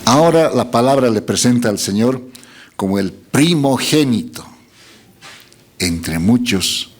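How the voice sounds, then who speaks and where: A man preaching in a church sermon, his pitch rising and falling in wide, lively swings. He reads verses slowly and turns to the congregation with questions. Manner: expressive preaching, reads scripture aloud, asks congregation questions.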